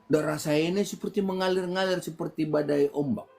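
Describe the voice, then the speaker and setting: A middle-aged man from Medan with a Medan accent, telling his testimony in a casual interview, his voice jumping up when excited. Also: a little high, brisk, vocal fry, faint music behind. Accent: Medan Indonesian. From Medan, Indonesia. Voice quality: animated storyteller, voice jumps up when excited. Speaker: guest giving testimony.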